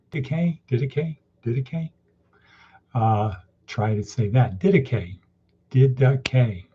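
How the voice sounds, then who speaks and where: A man's voice: fairly low pitch, slightly rough. A man teaching an informal daily class, who often repeats words and asks rhetorical questions. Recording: dull lo-fi with faint noise.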